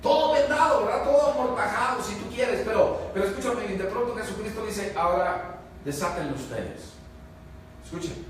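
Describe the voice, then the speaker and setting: A pastor preaches a sermon in a high voice, heard from far off in a very echoey church. He rises to loud peaks and drops to hushed lines, and keeps asking the congregation if they follow. A faint room hum sits behind him. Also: fairly quick. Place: church hall.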